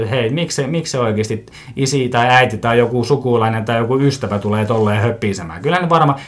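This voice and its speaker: A man talks alone into the mic as a podcast host, airing one gripe after another. He rambles and grumbles, pokes fun at himself, trips over his own sentences and breaks into quick chuckles, and his voice sits at an ordinary middle pitch. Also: fairly bright tone. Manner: rambling, grumbling, self-mocking, with frequent restarts and chuckles; mimics other people's voices for comic effect. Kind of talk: casual solo podcast monologue.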